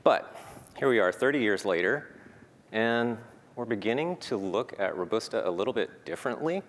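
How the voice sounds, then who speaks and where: This conference speaker, whose voice is fairly low, gives an earnest prepared talk at a moderate pace with expressive delivery and many "um" fillers. The recording carries the reverb of the hall along with faint noise.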